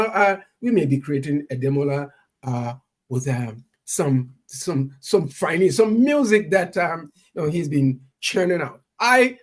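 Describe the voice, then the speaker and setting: A man hosting a radio talk show, introducing his guest with hesitant, repeating starts and lively swings in pitch. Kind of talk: casual radio interview.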